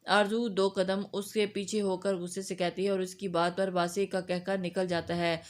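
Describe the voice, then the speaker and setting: A woman reading a romance novel aloud in steady scripted narration. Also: mid-range voice.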